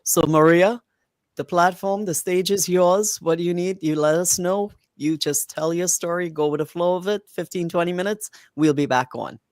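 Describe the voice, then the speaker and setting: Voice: medium pitch, moderate pace, dry recording. A show host speaking in an upbeat, encouraging way to hand over to a guest. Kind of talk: casual chat.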